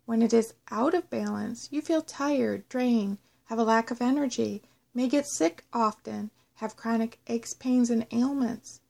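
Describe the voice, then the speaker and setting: A woman narrating a scripted guided meditation in a measured, instructional way. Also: a little high, gravelly, darkish tone. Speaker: host of a guided self-love meditation audio.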